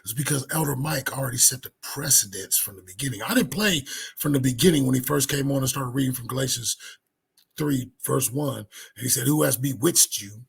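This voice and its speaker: A man's voice: mid-range voice, a little fast, creaky, breathy edge. A man teaching the Bible in a casual, emphatic way, commenting on a debate clip.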